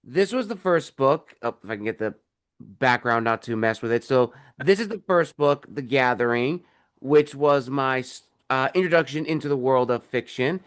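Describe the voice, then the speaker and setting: A man's voice: medium pitch, expressive, moderate pace, clean tone. A young adult man, an author being interviewed on a video call, talking about his books with enthusiasm and plenty of fillers. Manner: enthusiastic, explains at length with fillers. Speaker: author and podcast host, guest here. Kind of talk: casual interview talk.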